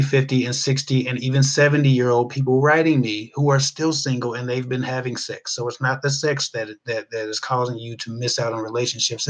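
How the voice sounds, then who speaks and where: A Midwestern American man from Ohio, a relationship advice vlogger, offers viewers casual, unscripted advice in a mid-range, slightly bright voice. He rambles emphatically, repeating words to drive home his points.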